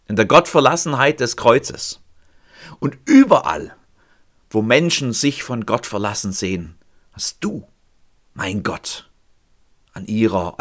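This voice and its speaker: A man preaching a sermon, swinging between loud cries and hushed, almost whispered lines. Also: lowish voice.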